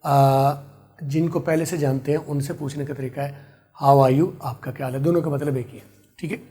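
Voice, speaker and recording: Man teaching English, husky voice. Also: a little high, steady tone, brisk, warm tone. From Pakistan. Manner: explains patiently, repeats phrases for drilling; writes on a board while explaining. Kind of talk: online English lesson.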